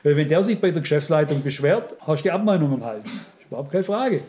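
A man's voice: a little high, animated, quick pace, warm tone. A middle-aged man preaching a sermon, earnest and emphatic, speaking straight to his listeners.

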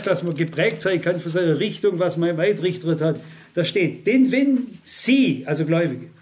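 A man's voice: high-pitched, a little mellow. A man preaching a sermon, insistent and full of rhetorical questions to his listeners.

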